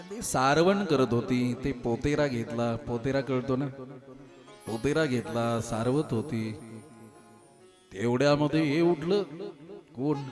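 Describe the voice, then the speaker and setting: A man preaching a devotional kirtan, telling a story with loud and quiet turns. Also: medium pitch. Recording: live kirtan with instrument music.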